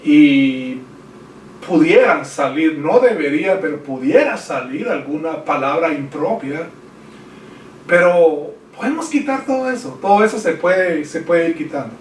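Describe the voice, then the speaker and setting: A man's voice: on the high side, expressive, unhurried, a little hiss or hum. A man preaching a sermon earnestly, addressing his listeners as brothers. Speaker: pastor. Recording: echoey room heard from a distance.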